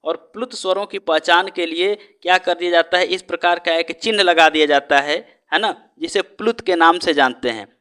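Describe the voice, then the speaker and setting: A man's voice: a little high, moderate pace, hardly any pauses, bright, forceful tone, clean tone. A man teaching an exam-prep lesson, who asks rhetorical questions and answers them himself and keeps checking in with his students. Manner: stretches out the sounds he teaches.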